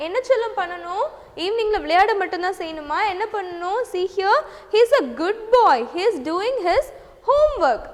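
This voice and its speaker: A woman with a South Indian Tamil accent teaches young children as a kindergarten teacher, in a sing-song, drawn-out way with frequent checking questions. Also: very high voice, expressive. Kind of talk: lesson for young children, code-switching. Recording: long hollow reverberant echo.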